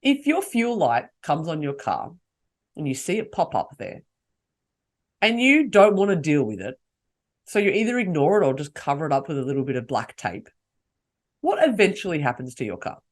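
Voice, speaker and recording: A woman's voice: low voice, sing-song, normal speed. A woman hosting a solo podcast, coaching her listeners and asking them rhetorical questions. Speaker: podcast host.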